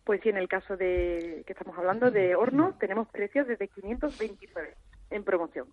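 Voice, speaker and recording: A woman calling into a radio show, briskly explaining products. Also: mid-range voice, no echo. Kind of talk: radio phone-in. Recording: phone line on radio.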